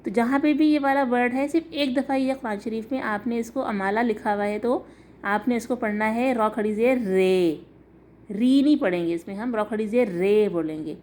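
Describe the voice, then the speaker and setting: A woman teaches an online lesson. She works patiently through each example, spelling out letters and their sounds slowly so students can follow. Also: a little high, a little mellow, slight background noise. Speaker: Quran reading teacher.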